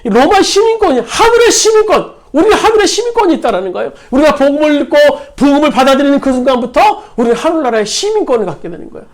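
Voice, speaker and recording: High, animated preacher giving a sermon. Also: fast, few pauses. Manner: emphatic, repetitive stress on key words. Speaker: pastor. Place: church sanctuary.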